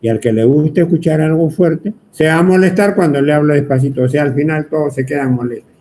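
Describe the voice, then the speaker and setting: A man's voice: fairly high pitch, fairly quick, warm tone, slight background noise. A man teaching an electronics class, talking at length and teasing his students. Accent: Peruvian Spanish. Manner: chatty, teasing, asks the class constantly. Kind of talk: whiteboard lecture.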